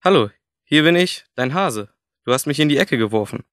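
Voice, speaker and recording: A man voicing a cheeky, self-assured talking plush rabbit in a playful, lively way, for a scripted language-course radio play. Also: mid-range voice, moderate pace, no echo, clean studio sound, lightly acted.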